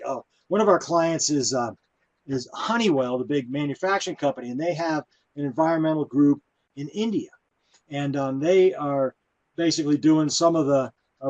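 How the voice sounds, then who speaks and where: A man presenting at a conference, talking in a relaxed, conversational way with many fillers. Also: a little high. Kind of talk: conference talk.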